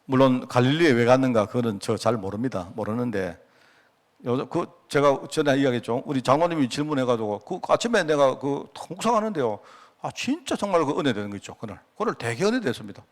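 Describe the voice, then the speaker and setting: A man's voice: medium pitch, lively intonation, brisk. A middle-aged man with a Gyeongsang Korean accent preaching a conversational prayer-meeting sermon, telling stories with frequent asides to the congregation. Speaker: pastor.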